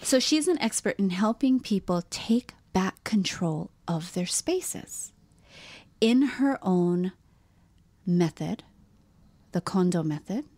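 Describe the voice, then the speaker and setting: A woman's voice: mid-range voice, lively intonation, slow pace, darkish tone, no echo. A woman co-hosting a podcast, chatting casually, laughing often and trailing off mid-sentence. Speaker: podcast co-host. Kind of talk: casual chat.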